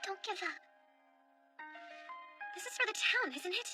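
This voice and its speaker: A woman's voice: extremely high pitch, lively intonation, unhurried, over music. A woman voicing an earnest, eager young woman in an overacted anime dub, emphatic and polite like someone making a plea. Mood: pleading. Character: earnest, eager young woman leading small-town tourism revival.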